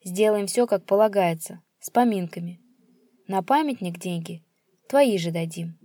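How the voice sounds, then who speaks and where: A woman voicing an adult son who talks flatly and coldly. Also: mid-range voice, normal speed, dry recording, natural voice. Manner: flat, calm, cold delivery. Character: cold, calm adult son, grim and menacing.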